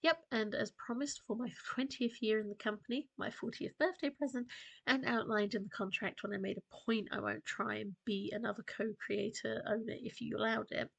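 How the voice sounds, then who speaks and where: Weary, defiant woman nearing forty, as a croaky woman reads her; gravelly storybook voice. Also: on the high side, steady tone, a little fast, a bit bright, exaggerated voice, poor audio. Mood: indignant. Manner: read plainly without doing a voice.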